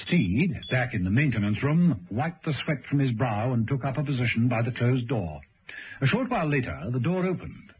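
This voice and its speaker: This is a muffled old radio broadcast in which a male narrator presents a vintage serial with scripted drama and suspense. He has a medium-pitched voice with big swings in pitch and talks at a normal speed. A little hiss or hum can be heard.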